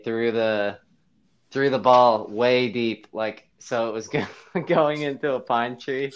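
A man's voice: mid-range voice, smooth, dull audio. A young man co-hosting a podcast, an easygoing storyteller who chuckles mid-sentence while recalling things with friends. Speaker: podcast co-host. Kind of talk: casual chat among old friends.

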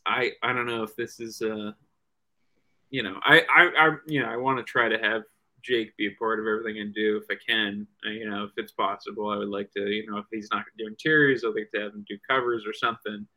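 Bright-toned man rambling through answers. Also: lowish voice, fairly even intonation, quick pace, rough recording. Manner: rambling, many restarts and "you know"s. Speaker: guest comic writer. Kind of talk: casual video-call interview.

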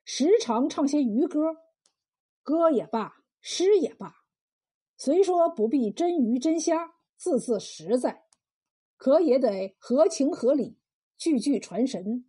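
A woman voicing a blunt, wise old male fisherman in a told folk tale, drawing out his words in a slow folksy way. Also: high voice, lively intonation, dark tone, husky, exaggerated voice. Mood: lecturing. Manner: slow, drawn-out folksy speech. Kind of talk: storytelling role voice.

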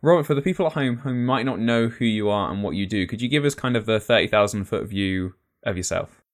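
A man with a slightly low voice hosts a podcast. He speaks casually and informally, addressing the listener and guest in a chummy, matey way. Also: quick pace. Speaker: podcast host.

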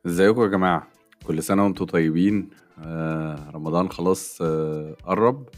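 A man's voice: low-pitched, fairly quick, soft background music. A man with an Egyptian Arabic accent, chatting casually as a podcast co-host and mixing in English phrases. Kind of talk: casual chat between friends.

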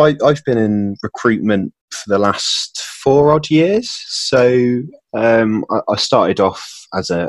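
A young man from England chatting casually as a podcast guest, self-deprecating and quick to laugh. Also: deep voice, no room sound. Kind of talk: casual chat.

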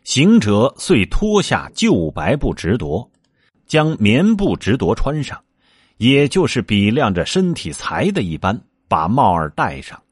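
Male storyteller, slow and expressive, low husky voice, lively delivery. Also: dry recording, clean studio sound. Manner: expressive, acted reading. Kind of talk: reading a classic novel aloud.

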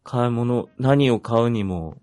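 A man's voice: medium pitch, takes it slowly, dark tone. A man chatting casually about his own life as a panelist, polite and a little hesitant, thinking aloud. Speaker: panelist on a hobby talk show.

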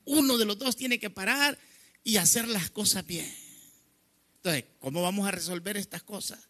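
A man's voice: high voice, moderate pace, sharp tone. A man preaching a sermon. He reads scripture, calls listeners "brother" and acts out the quarrel in quoted lines.

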